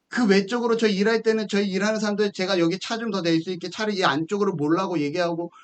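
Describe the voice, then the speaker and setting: A male pastor preaching a sermon, with emphatic rhetorical questions and rising, swelling phrases. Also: high voice. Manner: tells personal stories with reenacted dialogue.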